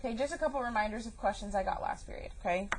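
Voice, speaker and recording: A woman's voice: fairly high pitch, rapid-fire, noisy background. A young woman teaching a math class, chatty and joking, calling her students y'all. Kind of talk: recorded classroom lesson.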